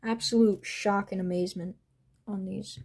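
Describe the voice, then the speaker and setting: A young woman showing off collectible figures and masks, gushing with excitement and often trailing off mid-sentence. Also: medium pitch, normal speed, gravelly, slightly rough. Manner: gushing, breathless, trailing off and restarting. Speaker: toy collector vlogger. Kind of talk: excited unboxing vlog.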